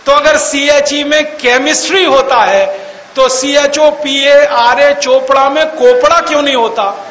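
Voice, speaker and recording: In an echoey hall with faint hiss and dull audio, a male public speaker lectures at a measured pace in an extremely high, fairly bright voice. His talk is mocking and argumentative, packed with rhetorical questions and words spelled out letter by letter.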